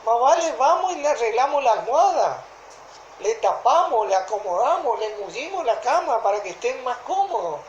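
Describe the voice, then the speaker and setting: A woman with a Rioplatense Argentine accent preaching a sermon in a deliberate way, often stopping to ask whether listeners follow. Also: on the high side, very animated, dull audio, a little hiss or hum. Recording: echoey room.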